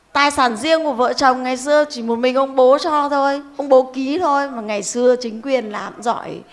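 High-voiced woman telling cases to the audience. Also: fairly bright tone. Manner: folksy, rhetorical, keeps asking the audience "right?". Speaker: legal advice speaker at a club talk. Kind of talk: storytelling talk to an older audience.

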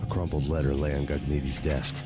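A bleak noir detective. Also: male voice, a bass voice, fairly quick. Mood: brooding. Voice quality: gravelly, deadpan. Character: weary hardboiled male detective narrator. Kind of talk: noir voice-over narration. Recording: game audio with loud music.

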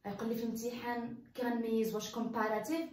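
A woman with a Moroccan accent teaching an English lesson, saying the English slowly and with stress and dropping into fast Arabic asides. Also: fairly high pitch, little pitch movement, a little mellow, far from the mic. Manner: slow, emphatic English and quick asides in Arabic. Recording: echoey room, voice from off the mic.

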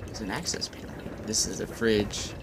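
A man's voice: on the low side, normal speed, noisy background. A young man chatting casually and joking while playing a video game, laughing often. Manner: goofy, jokey, laughs often. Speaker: let's play gamer. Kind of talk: casual gameplay commentary.

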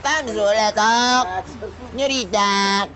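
A man playing a naive Andean peasant woman who works as a bus fare collector in a TV sketch comedy, with a Peruvian accent, eager and obliging, calling out fares in a drawn-out singsong. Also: high-pitched, raised voice, very noisy. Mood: bossy. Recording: dull lo-fi TV audio.

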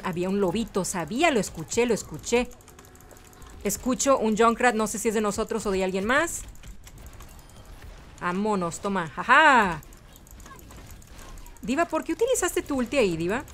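A young woman hosting a gaming channel. She gives chatty, excitable let's-play commentary and drops English words in here and there. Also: mid-range voice, moderate pace, long pauses, a little hiss or hum.

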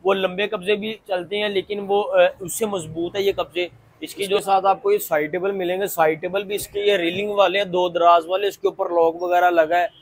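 A man, giving an unscripted, insistent and repetitive showroom sales pitch as host. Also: little pitch movement, normal speed, few pauses, poor audio. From Pakistan. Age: 20s. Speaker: furniture showroom owner and video host. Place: large indoor furniture showroom. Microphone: clip-on lapel mic.

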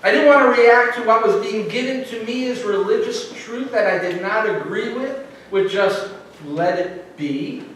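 Middle-aged male minister, higher voice, earnest conversational sermon, echoey sanctuary, distant mic. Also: fairly bright tone, a little hiss or hum. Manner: earnest, conversational preaching with pauses and slow emphasis. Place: church sanctuary.

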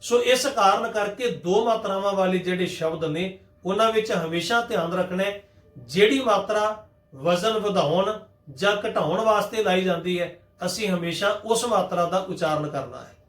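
A man with a high-pitched voice teaches scripture pronunciation in a patient, methodical way. He speaks directly to his listeners. The sound is roomy and echoey. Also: normal speed, fairly bright tone. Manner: patient, methodical, addresses the congregation. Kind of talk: religious lesson on scripture pronunciation.

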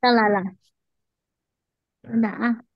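A hesitant woman student in an online class speaks a little high, stopping and starting as she finds her words. Her call audio comes through dull and lo-fi. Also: fairly even intonation, creaky, dry recording. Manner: hesitant, halting. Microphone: video call.

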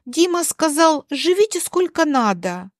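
A woman's voice: sits high, big pitch swings, measured pace, no echo, studio quality, voice pushed up. A woman voicing a flustered, fussy elderly aunt in a spoken story. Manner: fussing, pleading.

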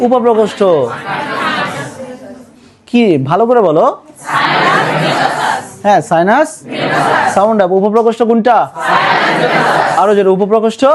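A man teaches biology with a Bangladeshi Bengali accent, his voice sitting notably high. He runs the lesson as call-and-response, firing the same questions repeatedly and calling for louder answers. He slips English words into his explanations. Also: measured pace, pauses often, a loud crowd, very noisy. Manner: drills students with repeated questions, urges them to answer louder.

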